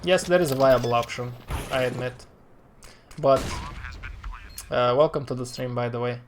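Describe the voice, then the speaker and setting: A man's voice: medium pitch, moderate pace, slight background noise. A man live-streaming esports match analysis, talking in an exasperated, rambling way with frequent sighs.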